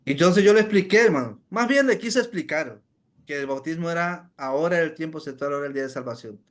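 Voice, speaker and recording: Man, high-pitched voice, evangelist's testimony, addresses listeners as brothers, frequent fillers. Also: quick pace. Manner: keeps calling listeners "hermanos", many "este" fillers. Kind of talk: storytelling testimony to a congregation.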